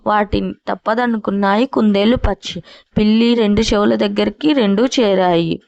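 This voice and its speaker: A woman storyteller reads a fable in an even, measured way. Her voice has a gravelly fry. The recording is dry and somewhat dull. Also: mid-range voice, dry recording. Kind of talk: scripted storybook narration.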